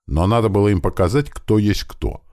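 A man's voice: on the low side, normal speed, darkish tone, dry recording, studio quality. A man narrating a first-person audiobook, telling it with tension. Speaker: audiobook reader.

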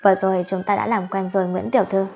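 A woman voicing a courteous young man who teases softly and hides a dangerous streak. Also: mid-range voice, level tone, quick pace, gravelly, faint music behind, natural voice. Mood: gentle teasing. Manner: gentle, teasing, soothing.

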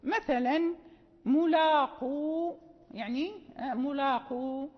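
A woman teaching Quran recitation rules in a lesson, often checking in with listeners and drawing out quoted verses slowly. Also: high-pitched, animated. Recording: dull lo-fi audio with long hall reverb.

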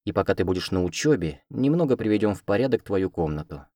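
A man voicing a huge two-tailed male cat spirit who guards a magic academy, speaking calmly and matter-of-factly. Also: lowish voice, fast, no room sound, studio quality.

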